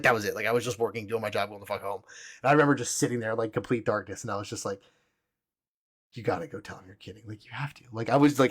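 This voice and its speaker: A young man hosting a podcast tells a personal story in casual, rambling fashion, swearing freely and saying "like" constantly. His voice sits on the low side, and the recording is dry.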